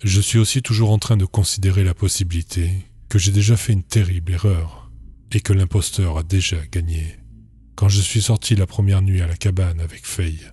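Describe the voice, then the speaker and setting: Male horror narrator with a very low, dark voice, calm and measured reading. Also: breathy edge.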